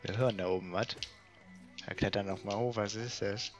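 A man's voice: on the low side, fairly even intonation, moderate pace, faint music behind. A man casually commenting while playing a game, chatty and muttering to himself. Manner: chatty, muttering, swears and laughs. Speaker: let's play gamer.

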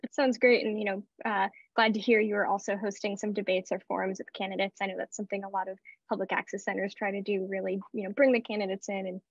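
A woman's voice: medium pitch, little pitch movement, fast talker, no room sound. A young woman hosting a live broadcast in a casual, unscripted way over a video call. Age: young adult. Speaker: host. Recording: dull, muffled video-call audio.

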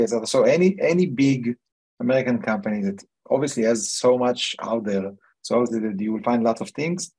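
A middle-aged man, hosting a meetup panel over a video call, speaking haltingly with many fillers and restarts. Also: fairly low pitch, darkish tone, husky, poor audio. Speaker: meetup host. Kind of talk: casual panel chat.

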